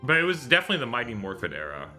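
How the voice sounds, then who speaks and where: Speaking very fast with huge pitch swings, a man in his thirties uses a bright, forceful, mid-range voice while hosting a visual novel readalong. There's faint music underneath his casual, rambling livestream chat, and he often corrects himself.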